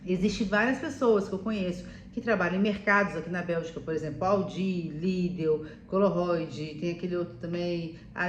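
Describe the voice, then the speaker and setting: A woman's voice: on the low side, a little hiss or hum. Chatty woman in an echoey room. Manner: chatty, addresses viewer as "meu amor", many "né?" tags. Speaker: vlogger living abroad. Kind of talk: casual advice vlog.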